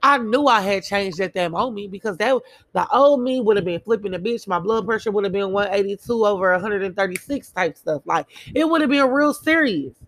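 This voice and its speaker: A woman speaks in an earnest, emphatic motivational monologue and hammers her points home through repetition. Her voice has a gravelly, fry-laden edge, and the recording is close and dry, with no room sound. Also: medium pitch, expressive, fairly quick, dry recording.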